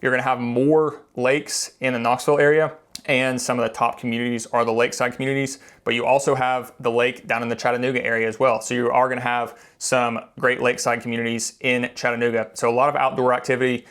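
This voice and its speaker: A man's voice: mid-range voice, little pitch movement, fast talker, fairly bright tone. Conversational man explaining things casually. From Tennessee. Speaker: local real estate video presenter.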